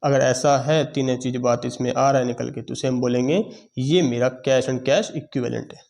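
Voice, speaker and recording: A male accounting teacher lectures patiently, going step by step and checking that his students follow. His voice is warm and mellow at an ordinary pitch. A sore throat has him clearing it now and then. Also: steady tone, normal speed. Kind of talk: classroom lecture.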